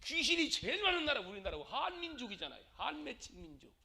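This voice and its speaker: A middle-aged male pastor giving a dramatic sermon, acting out angry quarrels and swinging between loud and quiet. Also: extremely high pitch, big pitch swings, quick pace, gravelly, breathy edge.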